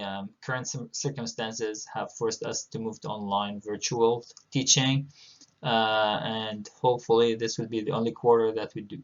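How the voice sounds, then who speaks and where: A middle-aged man from Palestine, a university instructor, giving a recorded online lecture in a measured way with many filler pauses. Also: mid-range voice. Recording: dull lo-fi audio.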